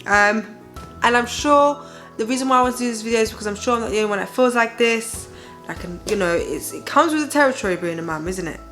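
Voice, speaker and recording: Fast and expressive, with a fairly high, fairly bright voice, this young mom and parenting vlog host vents wearily to her audience over faint music. She speaks candidly and emphatically about how she feels about her baby and life, pausing to check in with viewers.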